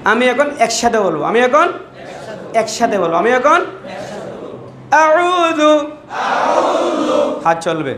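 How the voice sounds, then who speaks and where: High-voiced man teaching slow recitation. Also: very animated, a bit bright. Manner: slow, drawn-out syllables, sing-song recitation. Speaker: Quran teacher. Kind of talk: teaching a class, call and response. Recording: echoey room, noisy.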